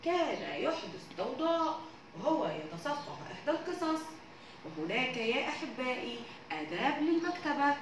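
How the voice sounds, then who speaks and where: A woman from Egypt, a primary school teacher, reading a story and explaining words and grammar to young children in a didactic manner. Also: high voice. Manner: warm didactic tone, addresses the children as dear ones. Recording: echoey room, distant mic, background noise.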